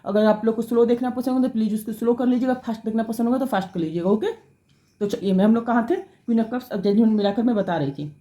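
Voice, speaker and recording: A woman gives a fast tarot reading straight to her viewers, often correcting herself as she goes. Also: a little high, warm tone, roomy sound. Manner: rapid, self-correcting, addresses viewers directly. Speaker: tarot reader.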